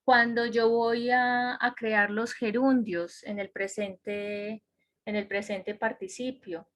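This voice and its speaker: A woman's voice: a little high, steady tone, takes it slowly, a bit bright. A woman teaching an online English grammar class, explaining step by step and checking in with her students. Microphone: computer microphone on a video call.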